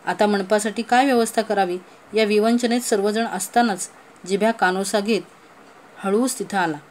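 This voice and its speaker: A woman reading a children's story aloud with steady, expressive storytelling. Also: medium pitch, moderate pace, a little hiss or hum. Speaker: story reader. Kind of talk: storybook narration read aloud.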